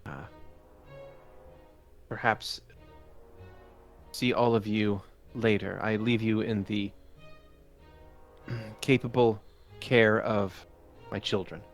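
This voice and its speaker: A man's voice: fairly low pitch, steady tone, slow, long pauses, faint music behind. A man voicing a genteel older noblewoman and mother of grown children, speaking in a hesitant, wistful way.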